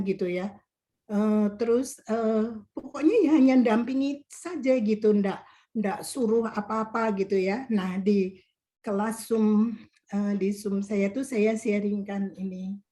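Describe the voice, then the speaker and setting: A woman's voice: on the high side, warm tone. A woman counselor tells a testimony in an online meeting over a video call and acts out her own stern words to the person she helped. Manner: re-enacts her own stern words, ends phrases with a filler tag.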